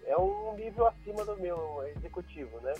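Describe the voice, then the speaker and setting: Caller on a dull phone line. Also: male voice, high voice, big pitch swings, fairly quick, vocal fry, soft background music. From Jundiaí, São Paulo, Brazil. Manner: polite, slightly anxious. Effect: heard over a phone line. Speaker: radio call-in caller. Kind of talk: casual phone conversation.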